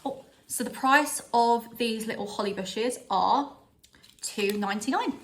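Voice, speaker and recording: A woman's voice: fairly high pitch, unhurried, fairly bright tone. A young woman vlogging a holiday decor haul at home, bubbly and chatty, often laughing at herself. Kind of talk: casual home haul vlog. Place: at home, in front of a styled background.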